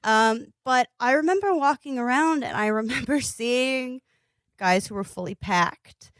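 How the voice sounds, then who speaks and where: Woman from indiana, podcast guest, smooth clear voice, dry close mic, blunt and swearing. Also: a little high, unhurried, fairly bright tone, no echo. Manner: candid, profane storytelling with laughs. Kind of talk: casual podcast chat.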